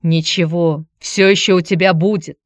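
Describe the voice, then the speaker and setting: A woman reading a story, voicing a restrained, awkward ex-husband who answers tersely in her own low voice. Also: steady tone, normal speed, no echo, clean studio sound, close to an everyday voice. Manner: terse, hesitant.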